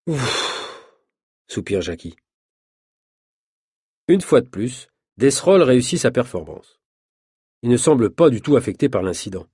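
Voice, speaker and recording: A man reading a story aloud as scripted narration for French learners, in a clear, even storytelling manner. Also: mid-range voice, no echo, studio quality.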